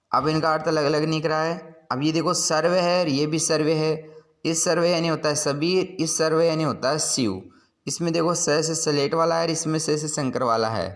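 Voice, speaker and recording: A man teaching a school lesson, patiently explaining word meanings and repeating each point. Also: fairly high pitch.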